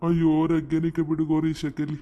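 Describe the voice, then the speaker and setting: A man's voice: a little high, monotone, fast talker, dark tone, slight background noise, close to an everyday voice. A man voicing a mild, placating grown son and husband in a cartoon comedy, talking in a soothing way.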